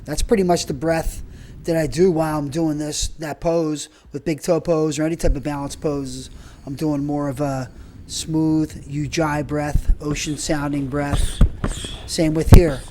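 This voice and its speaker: Breathwork instructor, dark mellow tone, mid-range pitch, informal rambling explanations, demonstrating while talking. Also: level tone, measured pace, a little hiss or hum. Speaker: breathwork and movement trainer.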